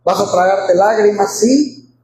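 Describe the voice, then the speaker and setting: A man preaches a fervent Sunday sermon, repeating his phrases and calling his listeners brothers. His voice is high, a little slow and a little mellow, in a very echoey hall with faint background noise.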